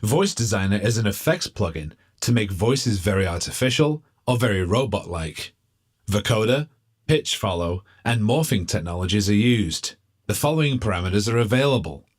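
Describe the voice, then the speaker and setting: A man's voice: lowish voice, lively intonation, normal speed. A man whose voice is formant-shifted and vocoder-processed so it sounds artificial and robot-like, reading a scripted rundown of features.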